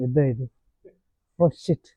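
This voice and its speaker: A man's voice: a little slow, warm tone, no room sound, rough recording. A man vlogging casually at an outdoor animal park, chatting playfully to the animals. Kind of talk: casual vlog narration.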